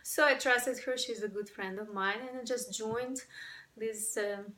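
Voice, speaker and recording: Bright-voiced woman with a Ukrainian accent. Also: mid-range voice, steady tone, a little slow, poor audio. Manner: earnest, searching for words, many "you know"s. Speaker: breathwork facilitator. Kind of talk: personal story to camera.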